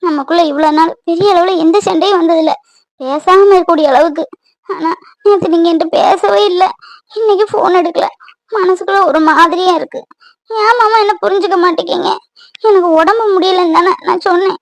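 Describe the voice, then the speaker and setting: A woman's voice: very high-pitched, a little fast, dry recording. Woman voicing a pleading young mother. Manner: pleading, soft and emotional. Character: young married mother, tender and worried.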